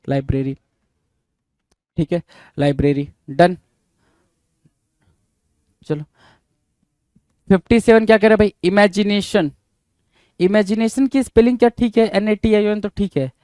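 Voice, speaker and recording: A man teaches English spelling, spelling out each word letter by letter and answering his own questions. His voice sits a little high for a man. The recording is dry and close, with no room sound. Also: measured pace, long pauses, mellow, clean tone, no room sound. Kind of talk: spelling lesson.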